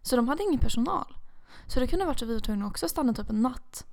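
Chatty young woman, slightly high voice. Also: expressive, vocal fry, darkish tone, slight background noise. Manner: chatty, reacts with sympathy and shares her own story. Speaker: podcast co-host. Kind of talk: casual chat.

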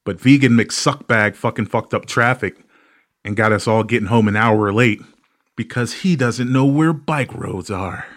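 Ranting profane man with low voice. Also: unhurried. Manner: profane, ranting, animated storytelling. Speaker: podcast host. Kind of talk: casual comedic podcast monologue.

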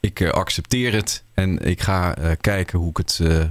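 Low-voiced male radio host. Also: moderate pace, dry recording. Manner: warm, admiring, slightly formal. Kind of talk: radio interview.

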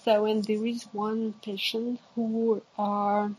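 A woman giving interview answers about technical work, haltingly searching for words in English. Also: mid-range voice, little pitch movement, background noise. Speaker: interviewee, exoskeleton company representative.

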